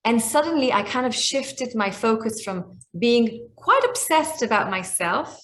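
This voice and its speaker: An Israeli woman in her forties, a native Hebrew speaker, joins a video call as a guest speaker. She sounds reflective, with many restarts and fillers. Her voice is a little high and a bit bright, animated, at a measured pace.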